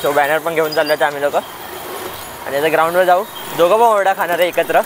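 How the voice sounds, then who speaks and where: A man's voice: a little high, fast talker. Chatty young Marathi-accented man outdoors. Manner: chatty, laughs often, gets louder and excited when riding with his friend. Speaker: vlogger. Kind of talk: casual vlog chat. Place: outdoors, streets and cricket ground. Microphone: mounted camera while riding, handheld. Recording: noisy outdoor phone video.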